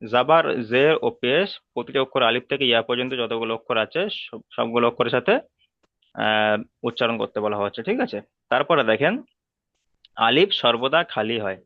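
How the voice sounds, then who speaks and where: Patient man teaching slowly. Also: medium pitch, lively intonation, no room sound, narrow, tinny audio. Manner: patient, repeats each rule slowly. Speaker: Quran reading teacher. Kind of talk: online class instruction.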